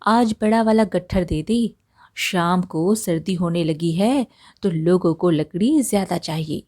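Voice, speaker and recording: A woman's voice: lowish voice, a little slow, darkish tone. A woman voicing a poor, hardworking old village woman who talks plainly and practically. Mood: homely.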